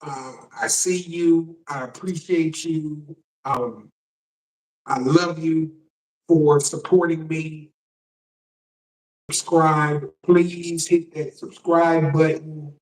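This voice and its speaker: Male shock jock livestream host, slightly high voice, halting casual commentary with repeated words, recorded at a distance from the mic. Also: fairly even intonation. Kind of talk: live political commentary, casual address to viewers. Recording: roomy echo, distant microphone.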